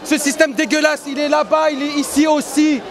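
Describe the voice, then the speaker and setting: A man campaigning loudly to passers-by, shouting and insistent, recorded in a busy indoor exhibition hall. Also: very high voice, steady tone, a little fast, faint music behind. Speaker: activist haranguing passers-by. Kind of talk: street campaigning speech. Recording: crowd and noise behind.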